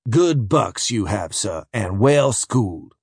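A man voicing a courteous, calculating slave buyer who drawls slowly and politely. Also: lowish voice, big pitch swings, darkish tone, husky, no echo, studio quality, exaggerated voice.

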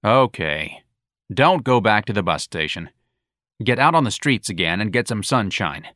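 A man voicing an irritable, bullying police sergeant who shouts at a subordinate, in a read-aloud story. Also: on the low side, expressive, moderate pace, dry recording, studio quality. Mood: gruff. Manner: gruff, shouting.

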